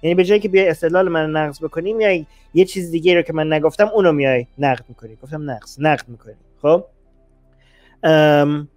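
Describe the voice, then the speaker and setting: A man's voice: sits high, a little mellow, dry recording. A male host explaining ideas in a casual, hesitant way, often restarting and checking in with the listener. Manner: hesitant, frequent restarts and "okay?" check-ins. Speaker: host of a talk show. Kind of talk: casual explanatory talk on logical fallacies.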